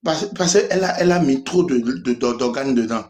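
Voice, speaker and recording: A man's voice: medium pitch, expressive, moderate pace, a little mellow. A young man from Benin with a Beninese French accent, speaking as a caller on a live stream, hesitant with many restarts. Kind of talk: casual call-in talk.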